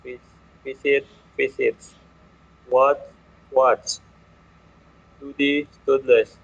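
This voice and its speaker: A young man from Indonesia, a student giving a halting class presentation on English grammar, repeating words and clearing his throat. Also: medium pitch, little pitch movement. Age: young adult. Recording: dull lo-fi recording.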